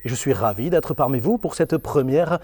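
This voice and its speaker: A man's voice: medium pitch, animated, moderate pace, darkish tone, slightly rough. A man playing a pompous male Bavarian-Belgian beer festival ambassador with a put-on German-Belgian accent, speaking formally and adding tag questions. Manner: formal, keeps adding "n'est-ce pas" and "voyez-vous". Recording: hall reverb.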